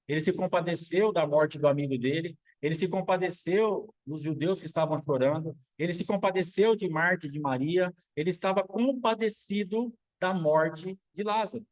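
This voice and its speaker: A man's voice: a little high, darkish tone, poor audio. A man, a pastor, preaching a sermon, asking rhetorical questions and acting out quotes.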